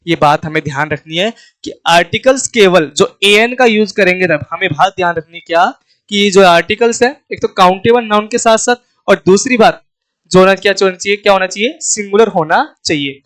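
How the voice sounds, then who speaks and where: A high, clear Indian man explains a grammar point step by step like a classroom teacher. He throws out questions and answers them himself, repeating the key words and spelling them out letter by letter. The recording is close and dry. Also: fairly quick, a bit bright, no room sound, rough recording. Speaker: English teacher. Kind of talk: classroom-style grammar lesson.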